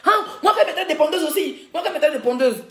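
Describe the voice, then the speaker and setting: Live-streaming from an echoey room, a woman blogger with a high, animated voice rants fast and indignantly, speaking straight to her viewers while coughing from a cold.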